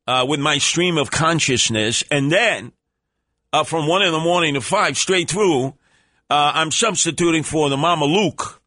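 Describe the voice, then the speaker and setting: Bright, forceful New York talk radio man. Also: a little high, no room sound, studio quality. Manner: theatrical, bombastic, streetwise, colourful coinages. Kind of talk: rambling comic monologue on talk radio.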